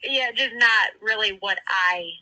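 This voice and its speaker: A woman's voice: mid-range voice, measured pace, pushed and bright. A woman speaking over the phone on a polite work call as an office manager, in a hesitant, noncommittal way. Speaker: office manager of a legal department. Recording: dull telephone line.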